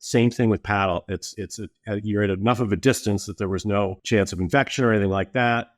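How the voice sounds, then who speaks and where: A middle-aged man talking easily as a podcast guest, explaining at length in a relaxed way. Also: lowish voice, fairly quick, no room sound, clean studio sound. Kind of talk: casual interview talk.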